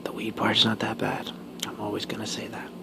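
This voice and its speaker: A man whispering casual ASMR talk while chewing gum, pausing between short, halting phrases. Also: lowish voice, completely flat delivery, vocal fry. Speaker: ASMR video creator.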